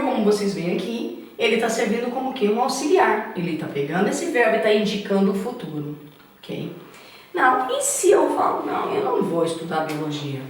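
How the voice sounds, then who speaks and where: A fairly high-voiced Brazilian woman teaching an English grammar class. She keeps asking rhetorical questions and answering them, and she slows down to read each example sentence. She sounds a little away from the mic, in a very echoey room. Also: recorded from a distance. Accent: Brazilian Portuguese. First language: Portuguese.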